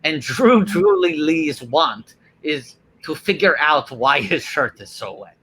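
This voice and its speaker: Bright, forceful man hosting comedy banter. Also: on the high side, animated, slow, slight background noise. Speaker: host. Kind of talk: improvised comedy banter on a livestream.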